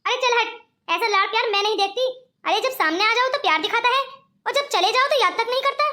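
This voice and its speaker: Woman doing a high, bright-voiced scheming cartoon granny, coaxing. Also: fast talker. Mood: scolding. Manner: coaxing, calls others 'beta'. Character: scheming rich old grandmother. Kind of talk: cartoon voice acting.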